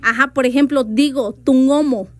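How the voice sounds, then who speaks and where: A woman's voice: sits high, a little slow, no echo. A woman whose first language is Zoque, a radio guest patiently explaining her language and spelling words out. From Veracruz, Mexico. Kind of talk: radio interview, explaining writing rules.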